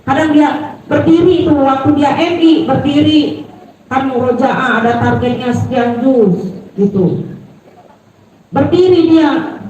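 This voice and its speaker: A woman giving a lively religious parenting talk to mothers, telling stories and rising high when excited. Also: slow pace, long pauses, lo-fi sound. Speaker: parenting speaker. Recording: echoey hall, distant from the mic.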